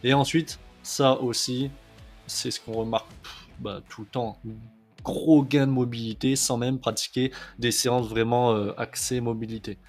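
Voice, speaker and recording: A man's voice: medium pitch, fairly even intonation, normal speed, soft background music. A man coaching on kettlebell training in a casual video lesson, chatty, with many fillers, often checking in with "ok?".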